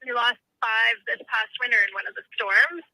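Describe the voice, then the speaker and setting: A woman calling in over a speakerphone to give a live report, talking in halting phrases that break off mid-sentence. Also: a little high, pushed and bright, no echo, poor audio. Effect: heard over a speakerphone call. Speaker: caller from a storm area.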